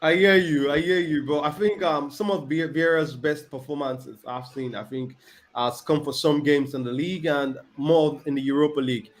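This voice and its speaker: A man hosting a casual football chat, rambling and repeating words with many pauses. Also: on the high side, fairly even intonation. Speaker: podcast host.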